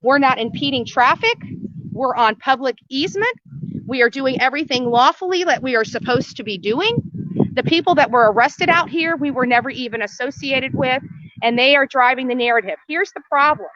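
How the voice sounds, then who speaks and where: Standing outdoors at a roadside in front of a house, an independent livestream reporter who hosts her own show speaks to her viewers in a high, brisk, fairly bright voice. She is indignant, blunt and emphatic, repeating phrases to drive her points home. The lo-fi audio has no echo.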